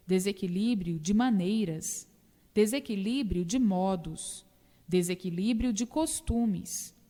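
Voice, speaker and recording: Slow, dark-voiced woman reading doctrine. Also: mid-range voice. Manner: measured, repetitive preaching cadence. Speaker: reader. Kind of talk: reading a doctrinal book aloud. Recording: long reverb.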